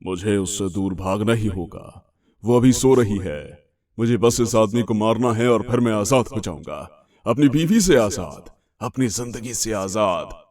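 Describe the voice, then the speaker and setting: A man doing a slow, sinister ghost husband. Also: fairly low pitch, lively intonation, a little mellow, voice pushed down. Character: ghostly dead husband, sinister male spirit.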